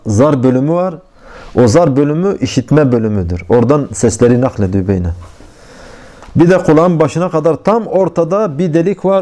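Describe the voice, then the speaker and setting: Bir erkek din öğretmeni, sohbet havasında bir vaaz veriyor; gündelik örneklerle ve sorularla anlatıyor, araya Arapça ibareler okuyor. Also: male voice, mid-range voice, mellow. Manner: conversational, explains with everyday examples and rhetorical questions; recites Arabic phrases between Turkish explanation. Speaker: religious teacher. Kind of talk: informal religious lesson.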